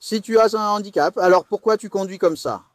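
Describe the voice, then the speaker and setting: A man's voice: sits high, a little fast, no room sound. A man as a police officer, dubbing bodycam dialogue, giving firm commanding instructions.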